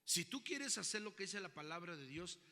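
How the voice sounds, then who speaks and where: Male pastor, sermon, bright forceful voice, rising preaching intensity, reverberant hall. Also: sits high, sing-song, moderate pace.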